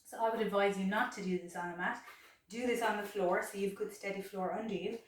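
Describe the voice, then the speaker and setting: A woman's voice: mid-range voice, fairly even intonation, fairly quick. A woman teaching yoga poses in a chatty, instructive way, a little out of breath, recorded from a distance. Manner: chatty, instructive, repeats words for emphasis. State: slightly out of breath. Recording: very echoey room, mic far off.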